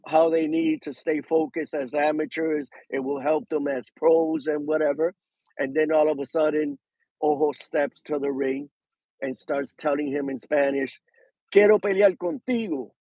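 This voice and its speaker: A man telling a story in casual chat, animated and slipping into Spanish. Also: a little high, no room sound, rough recording. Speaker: boxing show guest.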